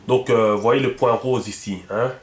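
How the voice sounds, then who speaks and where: A teacher gives a casual video lesson on writing, rambling in a loose, chatty way, repeating himself and leaning on lots of fillers. His middle-pitched voice is a little mellow, with fairly even intonation and a moderate pace, and the room echoes.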